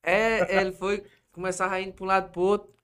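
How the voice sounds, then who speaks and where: A young Brazilian man with a high-pitched voice and moderate pace, a podcast guest, tells a long story in casual chat, rambling and lively, tagging phrases with "né?" and "pô" and little asides. Slight background noise is audible.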